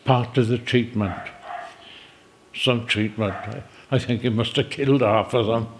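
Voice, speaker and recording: A man's voice: mid-range voice, steady tone, measured pace, noisy background. An older man recounting past events vividly in an interview. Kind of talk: storytelling interview.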